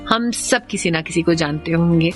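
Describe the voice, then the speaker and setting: A woman's voice: lowish voice, normal speed, soft background music. A woman radio host with an Indian accent, giving an opinionated, chatty book review and switching freely between Hindi and English. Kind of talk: casual book review chat.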